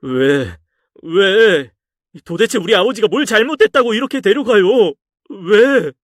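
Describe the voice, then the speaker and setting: A man's voice: fairly high pitch, sing-song, moderate pace, no echo, studio quality, pitched above the performer's own voice. A man reading a story aloud and voicing a sulky, hopeless young adult son who talks back in a raised voice. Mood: anguished. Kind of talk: audio drama story reading.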